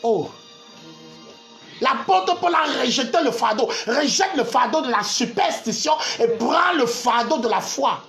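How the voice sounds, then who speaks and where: A preacher delivering a fervent sermon, shouting, hammering repeated phrases and breaking into laughter, with congregation responses. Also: sits high, expressive, measured pace, soft background music.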